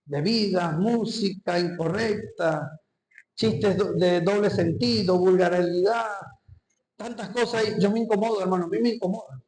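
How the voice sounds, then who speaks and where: High-voiced impassioned male pastor, echoey hall. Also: steady tone, moderate pace, a little mellow. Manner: impassioned preaching, often addressing the congregation directly. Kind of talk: sermon. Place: church hall.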